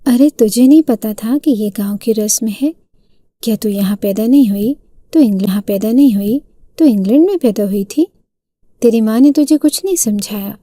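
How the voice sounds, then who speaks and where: A woman's voice: fairly high pitch, warm tone, no room sound, close to an everyday voice. A woman reading a harsh scolding mother-in-law.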